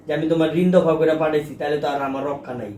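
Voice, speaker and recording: A man playing a fast-talking indignant son. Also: a little high, level tone, darkish tone, lightly acted. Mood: reproachful. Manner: rapid, agitated scolding in dialect. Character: indebted adult son, defensive and scolding. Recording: echoey room, far from mic, faint noise.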